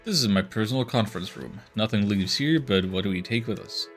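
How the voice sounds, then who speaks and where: A man's voice: on the low side, fairly quick, soft background music, lightly acted. Man doing a suave, courtly city mayor. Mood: charming. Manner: genteel, courtly and theatrical. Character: smooth, flattering male city mayor.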